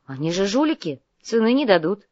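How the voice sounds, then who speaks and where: A woman voicing an excitable, greedy male monk doctor who wheedles while bargaining and bursts into shrill outrage. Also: fairly quick, no room sound, lo-fi sound, natural voice. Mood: haggling.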